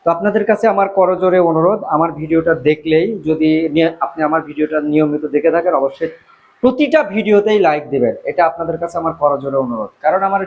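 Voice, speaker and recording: Man, high voice, casual video teacher who repeats each phrase patiently for learners. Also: gravelly, phone-quality sound. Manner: repeats words slowly for learners, many fillers. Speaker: language teacher. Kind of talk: casual spoken lesson.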